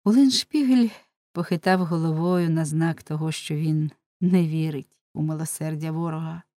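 A woman narrating an audiobook in a measured, solemn way. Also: sits low, mellow, no echo.

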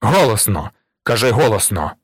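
A man voicing a harsh, scornful police inspector who barks loud commands and mocks, reading an audiobook. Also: on the low side, sing-song, normal speed, husky, dry recording, clean studio sound. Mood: curt. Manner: loud, barking, mocking.

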